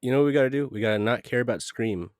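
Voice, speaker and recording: A man co-hosting a podcast in a casual chat, jokey and quick to riff on silly ideas. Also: medium pitch, no echo, clean studio sound. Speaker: podcast co-host.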